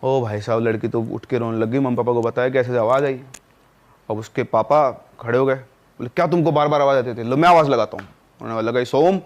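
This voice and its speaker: A man's voice: mid-range voice, fairly even intonation, quick pace. A man, a podcast guest telling a horror story and briefly acting out the family members' lines.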